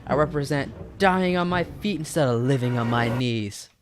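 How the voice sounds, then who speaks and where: A man's voice: mid-range voice, moderate pace, slight background noise. A young man playing a video game, goofy and talking back to the game's narrator, laughing often. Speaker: gaming YouTuber. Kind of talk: casual let's-play commentary.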